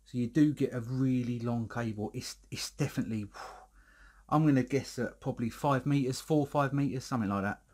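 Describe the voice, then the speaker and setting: A man, a little out of breath, chats his way through a product review in a loose, rambling way. His voice is slightly husky, and he keeps restarting his sentences. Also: mid-range voice, fairly quick, a little mellow. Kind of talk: casual product review vlog. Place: indoor room, filming himself alone.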